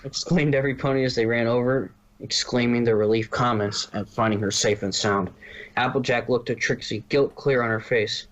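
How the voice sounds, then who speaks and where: Reading fan fiction from a script, a man narrates in a steady, mid-range voice at a moderate pace, occasionally tripping over a phrase and going back to read it again.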